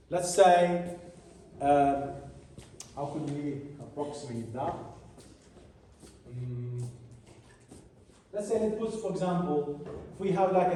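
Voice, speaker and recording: A man giving a biochemistry lecture to a class, talking in halting bursts that often repeat and restart phrases. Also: fairly high pitch, mellow. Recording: echoey room from far off, faint hiss.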